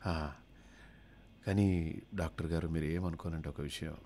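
A man voicing a suspicious middle-aged wife who talks softly and hesitantly. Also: extremely low pitch, fairly even intonation, unhurried, a little hiss or hum. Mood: hesitant wary.

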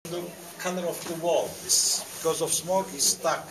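A man working as a tour guide, explaining things to a group in halting short phrases, with an echoing cave sound. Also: a little high, fairly even intonation, background noise. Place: underground rock-cut tunnels and chambers. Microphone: handheld camera some distance away. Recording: echoey cave, distant handheld camera mic, crowd. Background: tour group chatter.

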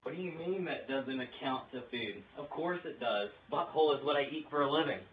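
On a casual prank call, a young video creator rambles crudely with some hesitation, his mid-range voice animated, fairly quick, and fairly bright. A distant, roomy mic picks him up along with background noise.

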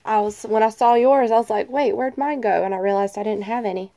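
A woman's voice: a little high, brisk, warm tone, no room sound. A woman with a nasal voice, getting over a cold, casually chatting as she opens trading card packs and reads off each card. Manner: reads off cards one by one, light laughs. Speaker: card-opening channel host. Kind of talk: casual chat.

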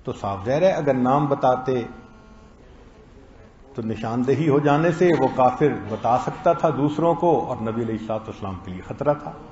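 A man preaching a sermon, telling stories and acting out quoted lines in a slow, deliberate delivery. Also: mid-range voice, animated, darkish tone. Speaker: Islamic preacher. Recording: roomy, dull lo-fi recording.

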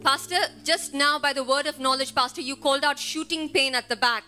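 A woman with a high, bright voice earnestly relays healing testimonies to the pastor in a formal tone. Soft music plays faintly behind her. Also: steady tone, brisk. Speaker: church helper presenting testimonies.

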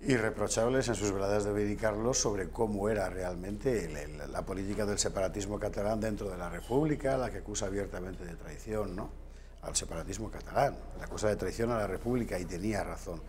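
A low-pitched man in his fifties talks on a TV news set with a lapel mic. He speaks as a guest in a studio discussion, rambling and digressive, with dry, wry asides. A faint hum of room noise sits under his voice. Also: fairly quick, darkish tone.

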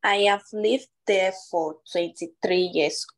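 A woman's voice: lowish voice, takes it slowly. A young woman with a Nigerian accent, taking part as a candidate in a question-and-answer speaking test. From Ondo State, Nigeria.

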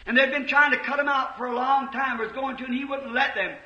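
A man preaching with heartfelt fervor, his voice sitting very high and ringing bright. He tells his story with surging emotion that breaks into shouts. The old recording sounds muffled and roomy, as if taped in a large hall. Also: steady tone, fairly quick. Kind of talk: fervent sermon storytelling.

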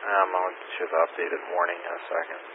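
A man's voice: low voice, flat delivery, fast talker, narrow, tinny audio. A man running a weather spotter radio net as net control, reading warnings in a procedural way over a static-filled radio transmission. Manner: procedural, reads warnings aloud. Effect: radio transmission with room static.

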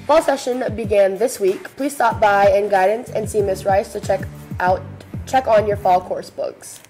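A woman's voice: mid-range voice, normal speed, a little mellow, soft background music, low-quality recording. A teenage young woman co-hosting student news, reading school announcements in a chatty, playful manner. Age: teens. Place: small school video studio, seated at desk.

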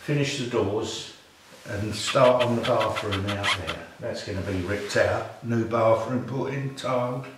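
A man's voice: on the low side, unhurried, recorded from a distance. An older man talking casually about his renovation work, listing each job in a plain, matter-of-fact way. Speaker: homeowner showing his renovation. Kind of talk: casual walkthrough chat. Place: small cottage rooms indoors, then garden outdoors. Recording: echoey rooms with faint background noise.

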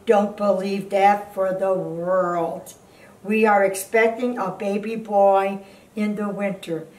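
A woman in her eighties, a blunt grandmother, reading aloud haltingly and adding indignant, scolding remarks. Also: medium pitch, steady tone, a little mellow. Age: 80s. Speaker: grandmother reading fan fiction aloud on a video channel. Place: indoor living room, seated in an armchair. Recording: roomy, distant microphone.

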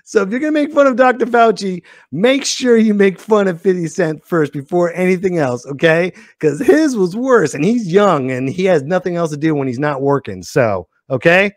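A man in his thirties hosts a comedy show from a dry indoor home studio, delivering a casual comedic monologue and interview in an animated, exclamatory way close to a headset podcast mic. His voice sits high, moving at normal speed with few pauses, and the recording is dry.

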